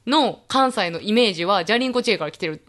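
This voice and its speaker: A woman's voice: mid-range voice, lively intonation, fast talker, a bit bright. A woman with a Kansai accent chatting casually as podcast co-host, agreeable and telling stories. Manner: easygoing, agreeable, tells stories. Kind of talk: casual chat.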